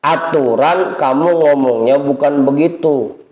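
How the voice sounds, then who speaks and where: A man with a Betawi Indonesian accent teaching a casual religious study circle, joking with his listeners and reading Arabic passages slowly. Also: a little high, a little mellow, dull audio. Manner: joking, chatty with the congregation, reads Arabic slowly. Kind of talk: informal religious lesson. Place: prayer hall. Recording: echoey hall.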